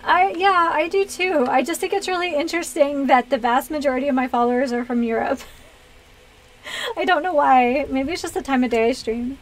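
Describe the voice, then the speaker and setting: This woman, an American-accented game streamer and host from Pennsylvania, talks loosely with viewers during a livestream, wandering and unsure as she thinks out loud. She has a high voice at a moderate pace. The audio quality is poor.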